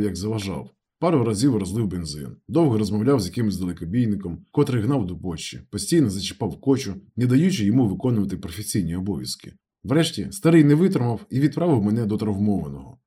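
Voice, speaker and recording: Husky-voiced man reading a novel aloud. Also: fairly low pitch, quick pace, few pauses. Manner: steady first-person storytelling. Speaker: audiobook reader. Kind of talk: scripted novel narration.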